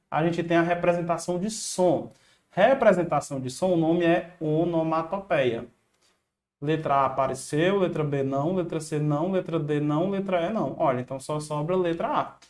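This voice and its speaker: Upbeat Brazilian man teaching a lesson. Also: a little high. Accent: Brazilian Portuguese. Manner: casual, encouraging, uses slang. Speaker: exam prep teacher. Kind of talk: online video lesson.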